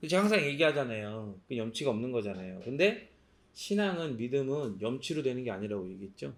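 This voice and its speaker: A man's voice: mid-range voice, very animated, a little fast. A male pastor preaching a sermon, asking rhetorical questions and answering them himself. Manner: acts out quoted lines in a sharp voice.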